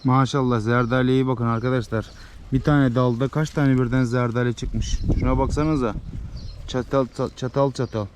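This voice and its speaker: A man vlogging outdoors while herding, talking casually to his viewers and calling loudly to his dog and sheep. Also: medium pitch, fairly even intonation, moderate pace. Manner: chatty, addresses viewers as friends. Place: outdoors in rural fields. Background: faint outdoor noise.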